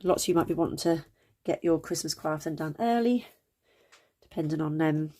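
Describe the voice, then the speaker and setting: Her voice is mellow, slightly croaky and low, moving at a moderate pace. As the host of a crafting channel, she chats her way through a tutorial, often saying um and stopping to correct herself.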